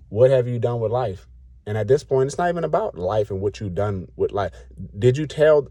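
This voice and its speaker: A man's voice: fairly low pitch, mellow, no room sound, clean studio sound. A man in his late thirties giving a blunt, colloquial, preachy rant to the camera. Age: 30s. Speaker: vlogger.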